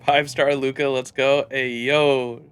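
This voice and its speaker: A man's voice: mid-range voice, flat delivery, slow, a bit bright, smooth. A man giving casual live-stream commentary on a game, reacting in slangy, sweary bursts. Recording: faint game music behind.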